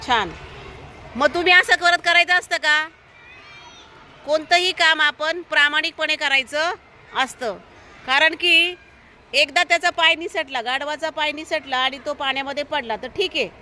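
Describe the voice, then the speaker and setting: Her voice sits high, pushed and bright, over a little hiss or hum as a primary school teacher leads young children through a story. She keeps questioning them to draw out answers and gives firm, encouraging instructions, while outdoor traffic is heard behind.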